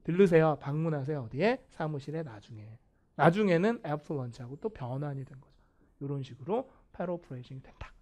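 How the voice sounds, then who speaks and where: A man teaching English vocabulary in a video lecture, animated and playfully self-mocking. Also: a little high, normal speed. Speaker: English test instructor.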